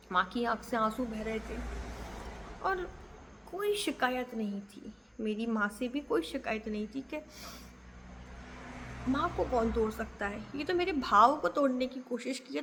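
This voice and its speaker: A woman telling an emotional personal story about her temple, speaking earnestly with many pauses. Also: on the high side, creaky, in a large hall.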